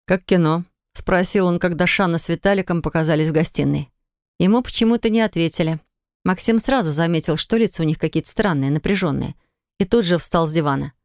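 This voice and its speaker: A woman narrating an audiobook in an even, smooth storytelling manner. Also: fairly low pitch, fast, dry recording. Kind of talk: scripted narration. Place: recording studio. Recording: dry close studio sound.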